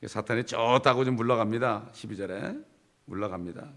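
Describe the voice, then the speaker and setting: A middle-aged man preaches a Bible study with a gravelly, creaky edge to his voice. He leans into his points emphatically and speaks in a conversational way, often addressing the congregation directly. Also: lowish voice, normal speed, a bit bright. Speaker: pastor.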